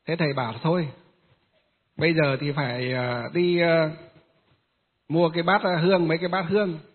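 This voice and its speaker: Monk guy rambling thru a story, lots of uh pauses, kinda husky, phone-thin sound w long echo. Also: on the high side, steady tone, phone-quality sound. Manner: rambling, many filler pauses. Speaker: Buddhist monk. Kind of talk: storytelling Dharma talk.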